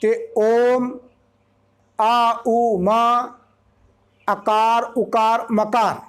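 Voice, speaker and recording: A spiritual teacher giving a discourse, explaining slowly and drawing out single syllables with care. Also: mid-range voice, flat delivery, clear, resonant tone.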